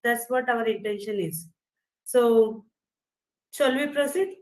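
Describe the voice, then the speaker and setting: A woman teaches over a video call, her voice sitting a little high. She keeps inviting her listeners to speak up and checks that they can follow. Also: slow, darkish tone, poor audio. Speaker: guest speaker, software trainer. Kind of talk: interactive online lecture.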